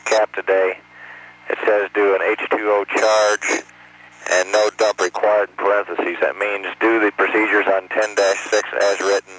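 A man speaks as an astronaut over space-to-ground radio. His voice is fairly low, and he handles procedural exchanges with mission control in an informal, easygoing way. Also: a bit bright, a little hiss or hum, rough recording.

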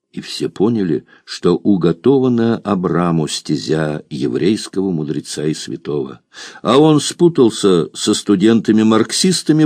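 A man narrating a novel as an audiobook in expressive, varied intonation. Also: lowish voice, no echo, studio quality.

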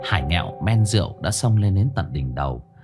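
Deep-voiced Northern Vietnamese storyteller. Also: male voice, animated, fairly quick, loud music behind the voice. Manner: colloquial, playful asides. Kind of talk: comic ghost story narration.

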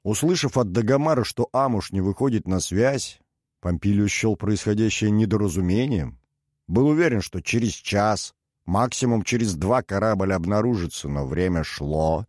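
A man reading a novel aloud as an audiobook narrator, measured and even. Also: fairly low pitch, no room sound, clean studio sound.

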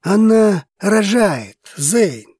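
A man doing a calm, steady dragon friend. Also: sits high, husky, no room sound, clean studio sound, voice pushed up, full character voice. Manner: slow, soothing, measured.

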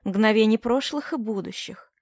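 A woman narrating a novel as an audiobook, in a measured, even way. Her voice sits fairly high. The recording is dry and close, with no room sound. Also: no echo.

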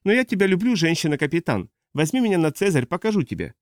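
A man's voice: fast talker, no echo, studio quality. A man doing a teasing old space pilot. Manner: high, lively, broken phrasing.

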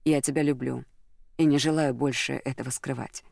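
An audiobook reader playing a gentle, earnest man in love, speaking in a soft, caring, serious tone. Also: mid-range voice, fairly even intonation, a little fast, gravelly, no echo, clean studio sound, lightly acted. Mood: tender, earnest.

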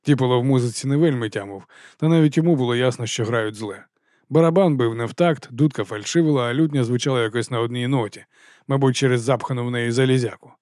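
A man narrating a novel with measured, expressive storytelling. His voice sits in an ordinary middle register, recorded close and dry with no room sound. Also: medium pitch, no room sound. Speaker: audiobook narrator. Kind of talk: scripted narration.

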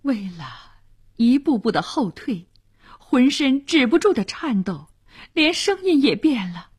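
Slow, breathy woman storyteller. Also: high voice. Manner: expressive, dramatic storytelling. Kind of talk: radio story narration.

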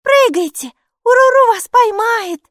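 A woman reading an audiobook and voicing an eager six-year-old girl with high, loud exclamations. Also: normal speed, dry recording, clean studio sound. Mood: excited.

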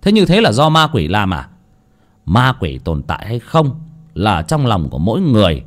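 A man's voice: lowish voice, wildly swooping pitch, moderate pace, faint music behind. A man voicing a stern older village chief who scolds and lectures the villagers with authority. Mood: lecturing.

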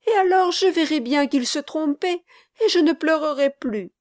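A woman voicing a small tearful boy who begs a girl not to leave, in a high, crying voice. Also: expressive, normal speed, a little mellow, no room sound, clean studio sound. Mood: pleading, tearful.

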